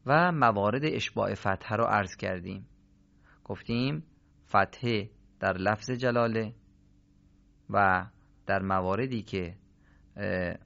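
A man teaching the rules of Quran recitation in a radio lesson, patiently explaining and drawing out example words slowly. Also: fairly low pitch, creaky, fairly bright tone, highs cut off.

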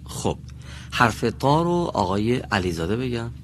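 A man teaching a classroom pronunciation lesson, speaking slowly and deliberately and drawing out each sound as he demonstrates it. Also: mid-range voice, sing-song, slight background noise. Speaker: Quran recitation teacher. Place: classroom with students.

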